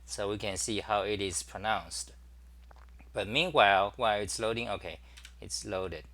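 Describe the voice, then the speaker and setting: A man hosting a casual livestream, demonstrating his computer workflow and greeting viewers, talking haltingly with many fillers and restarts. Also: on the low side, a bit bright. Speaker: talk show host. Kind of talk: casual screen-share livestream.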